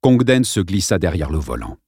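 Man, audiobook narration, lively intonation, dry close sound. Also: sits low, normal speed, slightly rough, dry recording. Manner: lively, expressive reading. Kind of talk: scripted narration.

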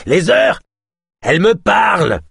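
Man doing a little raving man, shrill and frantic, husky edge, dry close sound, audiobook. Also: big pitch swings, slow, fairly bright tone, dry recording, full character voice. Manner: high, shrill, frantic outcries. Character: small strange man, frightened and raving. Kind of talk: audiobook narration.

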